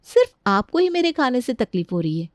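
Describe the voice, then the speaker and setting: A woman voices an earnest young daughter-in-law from a cartoon story, pleading and protesting through indignant questions. Her voice is fairly high and darkish in tone, very animated and brisk. The recording is close and dry, with no echo.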